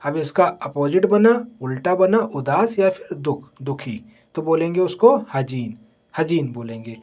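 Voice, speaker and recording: A teacher leading a slow vocabulary lesson, saying each word several times and checking in with the listener often. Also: medium pitch, animated, darkish tone. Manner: slow, repetitive drilling, says "ठीक है" often. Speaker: Arabic teacher. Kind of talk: vocabulary lesson, repeating words.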